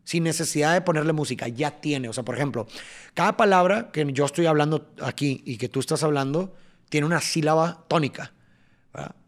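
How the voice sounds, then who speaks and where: A man's voice: a little high, brisk. A man with a Mexican accent, a podcast guest explaining his songwriting eagerly, often restarting and tapping out rhythms. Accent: Mexican Spanish. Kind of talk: casual interview chat.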